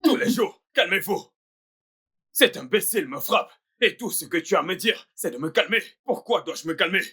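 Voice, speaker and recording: A man's voice: high voice, expressive, normal speed, pushed and bright, breathy edge, full character voice. A man playing a vain, hot-tempered young fashion designer in a French film dub, ranting and threatening revenge. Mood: furious. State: bleeding from the mouth after a beating.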